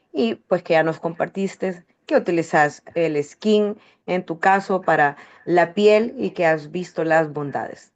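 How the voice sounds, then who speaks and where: A woman hosts a health testimonial session with warm, conversational talk, speaking in loose run-on phrases and frequently restarting. Her voice is medium-pitched and the sound is lo-fi.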